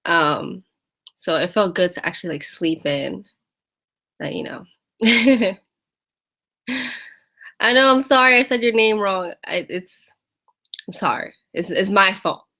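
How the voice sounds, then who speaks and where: An American woman hosts a casual live fitness Q&A stream, chatting, laughing, and greeting viewers by name. Her mid-range voice is animated, bright, and forceful, and she speaks slowly with long pauses.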